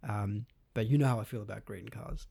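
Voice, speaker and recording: A man's voice: fairly low pitch, a little fast, creaky, dark tone, breathy edge, no room sound. An Australian man co-hosting a podcast, chatting casually in a jokey, upbeat way. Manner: jokey, upbeat, often starts with "look". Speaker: podcast co-host. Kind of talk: casual chat.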